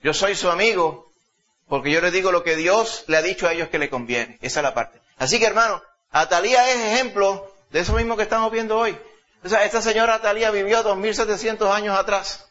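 A man's voice: sits high, fairly bright tone. A man preaching a sermon in an emphatic way, often calling the listeners brother. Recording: dull lo-fi recording.

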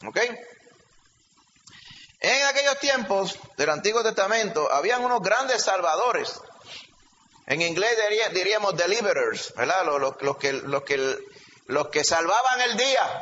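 Bright-voiced preaching pastor in a hall. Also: male voice, on the high side. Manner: emphatic teaching, frequent checking questions to the congregation. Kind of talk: sermon. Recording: reverberant hall, slightly dull sound, faint background hum.

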